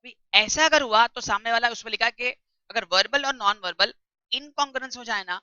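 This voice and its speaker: A woman tutor giving a classroom lecture, reading English text slowly and explaining it in chatty while quizzing her students. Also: on the high side, bright, forceful tone, clear, resonant tone, no room sound. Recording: dull lo-fi recording.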